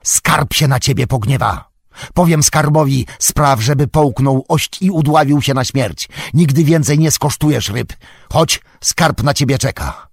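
A man's voice: fairly low pitch, lively intonation, unhurried, darkish tone, dry recording, clean studio sound, voice pushed up. A man reading an audiobook, voicing an earnest young male hobbit who speaks firmly and urgently. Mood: threatening. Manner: pressing, calling out urgently. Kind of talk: audiobook character voice.

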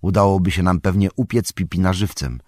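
A man's voice: deep voice, a little fast, a little mellow, no echo, studio quality. A man voicing an earnest, anxious young male hobbit in a storybook reading. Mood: worried.

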